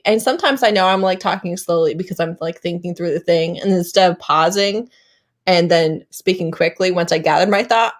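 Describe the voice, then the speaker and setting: Frank, opinionated woman on a live stream. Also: medium pitch. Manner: frank and opinionated, thinks aloud. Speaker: booktuber on a panel. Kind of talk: casual chat on a live stream.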